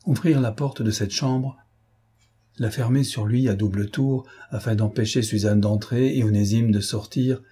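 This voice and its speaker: Male audiobook narrator, dark mellow voice, husky texture, measured dramatic reading. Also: lowish voice, steady tone. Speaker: audiobook reader. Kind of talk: literary narration.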